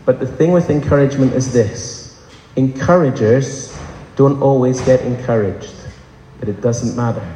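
Preaching with passion to his congregation, a man keeps posing rhetorical questions to those gathered. He has a mellow, mid-range voice at normal speed, and slight background noise is audible. The recording carries the long reverb of an echoey, large church hall.

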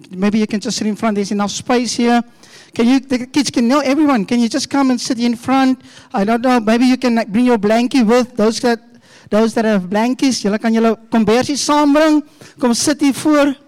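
A woman's voice: a little high, darkish tone, poor audio. Afrikaans-accented South African woman coaxing children. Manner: coaxing, questioning, switches between English and Afrikaans. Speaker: children's church leader. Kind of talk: interactive children's sermon.

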